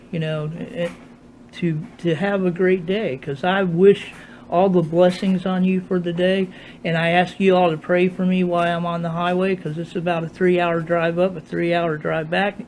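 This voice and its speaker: A man's voice: high-pitched, a little hiss or hum, poor audio. An older, retired man talks in a casual, folksy, devout ramble, his words slightly slurred with no dentures in. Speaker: motorcyclist video blogger. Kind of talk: casual morning vlog. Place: at home while getting dressed.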